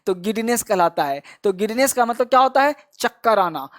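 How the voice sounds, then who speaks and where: High-voiced man drilling vocabulary. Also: expressive, fairly quick, a bit bright. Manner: repetitive drilling, prompting listeners to repeat after him; frequent encouraging praise. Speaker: teacher. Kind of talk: spoken vocabulary lesson.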